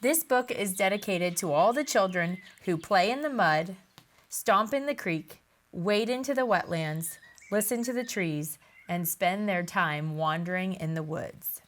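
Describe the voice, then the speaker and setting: Slow, expressive woman reading a storybook. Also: on the low side. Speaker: children's book author. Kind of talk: storybook read-aloud.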